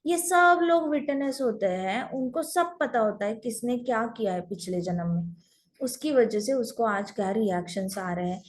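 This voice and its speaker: Woman teaching scripture, high voice. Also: a little mellow. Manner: storytelling, mixing English phrases. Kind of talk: scripture class storytelling.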